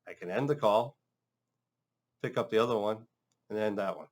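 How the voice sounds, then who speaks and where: A man's voice: fairly low pitch, normal speed. A man working as a trainer, narrating an instructional demonstration in a casual, step-by-step way. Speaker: phone system trainer.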